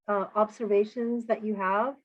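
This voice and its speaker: A woman moderating a board meeting, speaking in a measured way with frequent pauses, heard through conference call audio. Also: mid-range voice, fairly even intonation. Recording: dull lo-fi conference call line.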